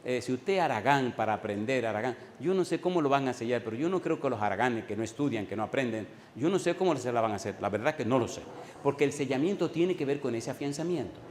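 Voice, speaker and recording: A male pastor preaching a sermon, rising to loud, high bursts and slowing down for emphasis. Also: expressive, roomy sound, slight background noise. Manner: preaching with sudden loud rises and slow emphatic drops.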